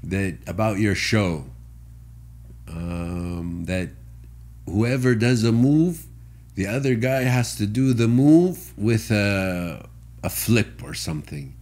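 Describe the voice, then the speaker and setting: A middle-aged man from Saudi Arabia speaks in a low voice as a podcast guest. He explains his ideas through stories and laughs often, in an easy conversational tone. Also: takes it slowly, a little mellow.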